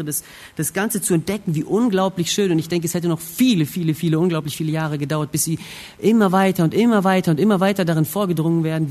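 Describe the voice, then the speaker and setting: A man with a fairly high voice delivers a sermon. He retells a scripture scene vividly, dropping to hushed, reflective tones and then rising to emphatic ones. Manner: expressive, acts out the scene, swings between hushed and emphatic. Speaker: preacher.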